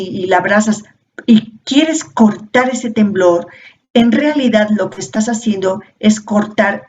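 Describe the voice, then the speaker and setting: A woman gives an informal workshop talk in a slow, unhurried way. She keeps stopping to ask her listeners rhetorical questions before she answers them. The audio is dull and lo-fi, with faint noise behind her. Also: medium pitch, darkish tone. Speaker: workshop facilitator.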